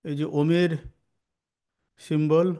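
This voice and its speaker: Male teacher for a values class: resonant, flat delivery, measured pace when leading chants. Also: fairly high pitch, clear, resonant tone. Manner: slow measured chanting of mantras.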